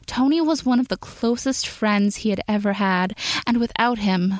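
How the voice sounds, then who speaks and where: A woman reading a story aloud in steady, measured scripted narration. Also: medium pitch, no echo. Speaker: podfic reader.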